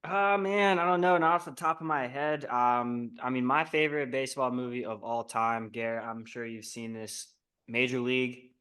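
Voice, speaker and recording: A man's voice: mid-range voice, steady tone, moderate pace, fairly bright tone, clean tone. Casting: young male podcast co-host, keen sports-fan chatter, mid-range voice. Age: young adult. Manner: enthusiastic sports fan talk. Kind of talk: casual chat.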